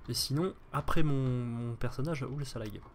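A man's voice: mid-range voice, normal speed. Man, French accent, casual gameplay chatter, joking, thinking aloud, faint keyboard noise behind. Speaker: gaming streamer.

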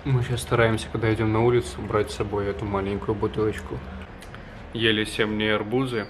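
Talking a little fast in a lowish voice with a level tone, a man in his twenties vlogs casually indoors in a small apartment room. The camera is held at arm's length, so the audio is noisy and carries room ambience.

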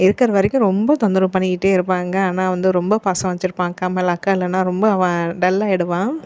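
A woman tells her day in a quick, chatty flow, leaning on fillers as she goes. Her voice sits a little low and has a mellow, soft tone. It is a relaxed, casual vlog narration. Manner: chatty, colloquial, many fillers. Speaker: vlogger.

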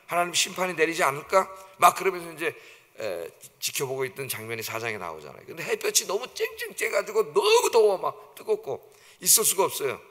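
A middle-aged male pastor giving an animated sermon in a church, telling the story vividly and often checking in with the congregation. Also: high-pitched. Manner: animated storytelling, acts out quoted voices, often asks "예?" to the congregation. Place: church sanctuary. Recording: church hall reverb.

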